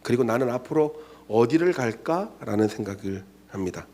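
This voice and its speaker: A man in his forties preaching a sermon as a youth pastor in a church, telling stories with acted-out voices and dropping to hushed tones for emphasis. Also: medium pitch, normal speed. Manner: animated storytelling, acts out quoted voices, drops to soft hushed tones for emphasis. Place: church sanctuary.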